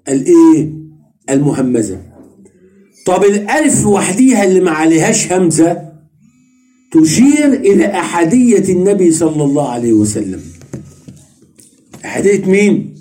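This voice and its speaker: Egyptian man teaching, high mellow voice. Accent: Egyptian Arabic. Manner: questioning, repeats points and answers himself. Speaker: religious teacher. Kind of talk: Sufi study lesson.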